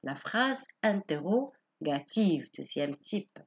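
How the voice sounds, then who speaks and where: A woman teacher gives a grammar lesson at an unhurried pace, her voice rising and falling in a lively way. She is patient and repeats each point in other words. The recording sounds dull and lo-fi. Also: on the low side. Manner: patient, explains slowly with many rephrasings.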